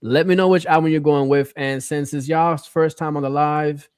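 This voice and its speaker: A man hosting a casual livestream chat, relaxed and rambling, often saying "bro" and "man". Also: on the high side, moderate pace, smooth, no room sound, studio quality. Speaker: livestream host.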